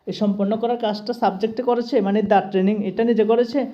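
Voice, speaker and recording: A woman's voice: medium pitch, fairly even intonation, fairly quick, muffled recording. A woman with a Tripura Bengali accent teaching English grammar to students, patiently checking that they follow each step. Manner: patient, keeps checking understanding with "ঠিক আছে?".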